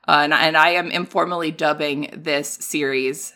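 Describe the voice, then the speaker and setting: Bright-voiced playful woman podcast host. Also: sits low, steady tone. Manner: playful, quick with jokes. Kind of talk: casual podcast chat. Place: home recording setup.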